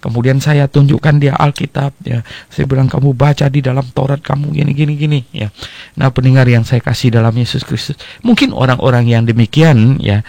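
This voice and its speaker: A man's voice: medium pitch, steady tone, fairly quick, gravelly, warm tone, dry recording. An older man from Indonesia, a pastor teaching the Bible and telling stories, with frequent "ya" and "eh" fillers. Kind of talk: radio-style Bible teaching with anecdotes.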